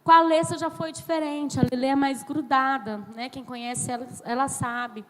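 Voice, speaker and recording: A woman in her thirties from Brazil preaching a sermon as a pastor, slow and emphatic, acting out dialogue as she tells stories. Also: high voice, fairly even intonation. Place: church sanctuary. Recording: long church hall reverb.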